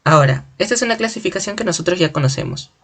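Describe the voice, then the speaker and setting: A teacher giving a spoken grammar lesson in a clear, deliberate way, slowly stretching out example words syllable by syllable. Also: mid-range voice, lively intonation, a bit bright. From Peru.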